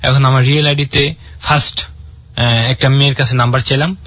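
A man's voice: medium pitch, little pitch movement, a little fast, no echo, lo-fi sound. A young man from in Bangladesh, casually telling a long personal story with many fillers and restarts. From Barishal, Bangladesh. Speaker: guest telling his story.

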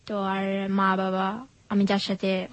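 A nineteen-year-old woman, telling her personal story as a guest, soft and hesitant in manner. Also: medium pitch, monotone, slow, no room sound, lo-fi sound. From Bangladesh.

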